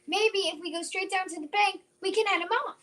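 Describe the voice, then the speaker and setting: A woman playing a plucky, quick-witted little orphan girl in an old-time radio serial, speaking in an earnest, exclamatory way. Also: extremely high pitch, pushed and bright, a little hiss or hum. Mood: alert, resourceful.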